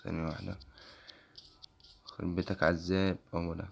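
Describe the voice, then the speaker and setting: A young man with an Egyptian accent and a worn, hoarse voice walks through an app on screen, quickly asking "okay?" after nearly every phrase. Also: sits low, little pitch movement. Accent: Egyptian Arabic. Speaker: tech channel host. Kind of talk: casual screen-recording walkthrough.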